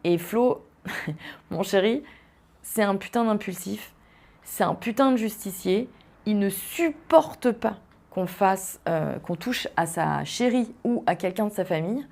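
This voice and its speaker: A woman's voice: mid-range voice, slow, vocal fry. Young woman telling a story, casual. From Vendée, France. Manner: animated, tumbling speech with frequent fillers and restarts. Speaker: podcast host.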